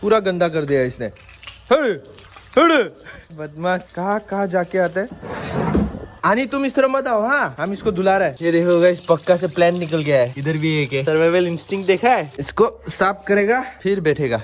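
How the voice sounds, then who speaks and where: A man's voice: sits high, expressive, moderate pace, slight background noise. A man hosting a casual family vlog in a playful, teasing way, chatting straight to his viewers. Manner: playful, teasing, keeps addressing viewers as guys. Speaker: vlogger host.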